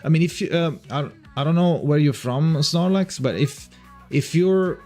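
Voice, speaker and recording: A man's voice: on the high side, moderate pace, a little mellow, soft background music. A man with an Italian accent, hosting a livestream and chatting casually with his viewers as he reads their messages aloud. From Italy. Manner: rambling, reads chat aloud, frequent restarts. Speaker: livestream host.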